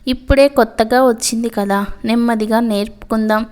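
A woman's voice: on the high side, fairly even intonation, brisk, darkish tone, natural voice. A woman voicing mocking young male college seniors who tease and scold, in a storybook reading. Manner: teasing, scolding.

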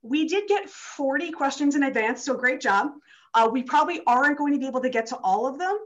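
A woman's voice: high voice, animated, a little fast. A young woman opening a virtual town hall as the host, chatty, with many fillers and restarts, and a little out of breath. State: slightly out of breath. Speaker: state legislator hosting a virtual town hall. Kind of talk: casual opening remarks on a video call. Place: district office. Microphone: video call. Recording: dull lo-fi video call audio.

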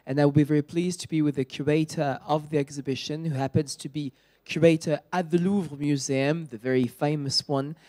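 A man presenting an upcoming exhibition and reading out audience questions in a formal, measured way. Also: on the high side, steady tone, darkish tone.

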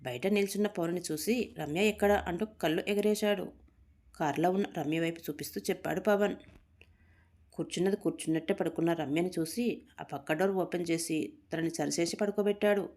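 Woman reading a story out loud, lowish voice, bumps up a bit for the quotes. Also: brisk.

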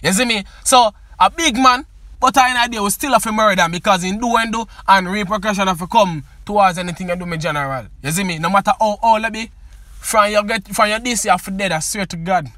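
Jamaican male song reviewer, emphatic, forceful bright tone. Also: sits high, brisk, dry recording. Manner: emphatic, keeps asking "you see me". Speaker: music reviewer. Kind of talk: casual song commentary.

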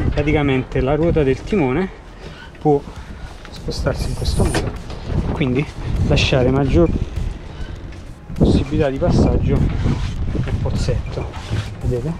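A middle-aged sailor with a medium-pitched voice gives a casual walkthrough vlog of his sailboat, hesitating often with lots of fillers and restarts. He's filmed outdoors in a harbor on a handheld action camera held at arm's length, and heavy background noise runs underneath.

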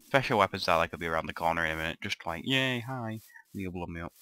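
A man's voice: sits low, rapid-fire, pushed and bright, clean tone, no echo. A young man giving rambling, grumbling commentary over his own gameplay, often swearing to himself. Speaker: gamer narrating a let's play.

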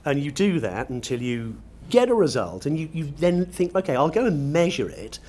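A middle-aged British loudspeaker designer explains his work in an unscripted interview, speaking articulately in ornate phrasing. His voice sits on the high side, a little mellow, with big pitch swings at a normal speed, and the large glass-roofed exhibition showroom around him is noisy.

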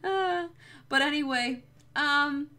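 This young woman, a streamer and artist, draws while chatting casually on her livestream, rambling and joking with lots of swearing. Her high-pitched voice comes out slow, pushed and bright.

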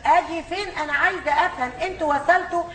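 A woman's voice: very high-pitched, rapid-fire. An actress with an Egyptian accent playing a bossy, impatient lady who scolds in a stage comedy. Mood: scolding. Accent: Egyptian Arabic. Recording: echoey theater hall with faint audience.

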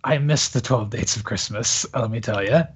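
A man's voice: lowish voice, moderate pace, breathy edge. A man co-hosting a casual podcast, ranting with sarcastic exaggeration. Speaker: podcast co-host. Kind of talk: casual chat.

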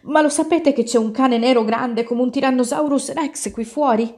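A woman voicing a frightened young girl who asks high, anxious questions. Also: big pitch swings, normal speed, dark tone.

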